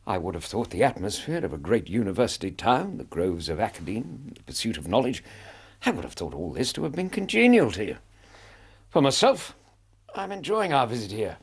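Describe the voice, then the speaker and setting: An actor playing a genial, courteous, contented English doctor in a radio drama, with leisurely phrasing. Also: male voice, on the low side, very animated, brisk, creaky, breathy edge, heavily acted. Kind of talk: British radio drama acting.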